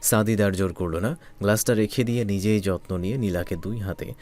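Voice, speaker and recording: A man narrating a romantic story in a calm, soft, measured way. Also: fairly low pitch, faint music behind.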